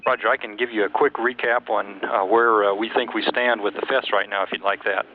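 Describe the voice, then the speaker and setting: A man with a lowish voice speaks as mission control on an astronaut radio loop. He is measured, technical and matter-of-fact. The link is very narrow, with faint noise. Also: fairly even intonation. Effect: space radio link.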